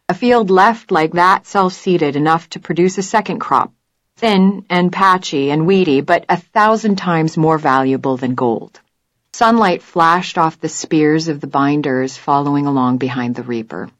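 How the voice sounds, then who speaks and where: A woman narrating an audiobook in a measured, even storytelling manner. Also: deep voice, dry recording. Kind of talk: scripted narration.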